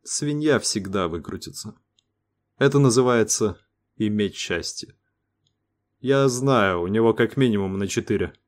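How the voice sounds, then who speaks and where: A resigned crewman mutters quiet, bitter words in a low voice, as a man reads him aloud. He sounds gloomy in this spoken science-fiction story. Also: animated, measured pace, long pauses. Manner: quiet, sighing.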